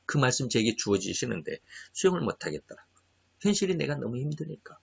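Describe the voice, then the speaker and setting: A man preaching a sermon in an earnest, confessional way, often pausing with hesitant fillers. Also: medium pitch, sing-song, vocal fry, husky. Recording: dull lo-fi recording.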